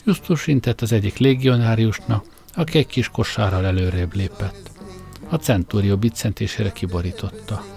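A man's voice: lowish voice, creaky, a little mellow, faint music behind. A man narrating an audiobook in a wry, comic first-person storytelling style.

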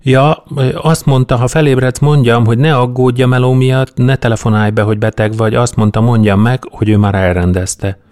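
A man's voice: medium pitch, fairly even intonation, hardly any pauses, darkish tone, pitched above the performer's own voice, close to an everyday voice. A man voicing a cheeky, teasing young woman with a bossy, playful manner.

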